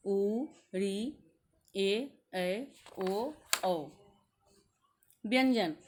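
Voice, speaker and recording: A woman teacher giving a grammar lesson to young pupils, speaking slowly and deliberately and sounding out letters one at a time. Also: a little high. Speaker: school teacher.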